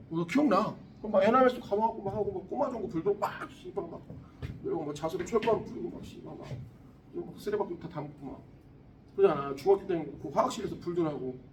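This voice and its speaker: A man in his forties teaching a high school science class, blunt and teasing, swearing often. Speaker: science tutor. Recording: classroom recorded from a distance, faint room noise.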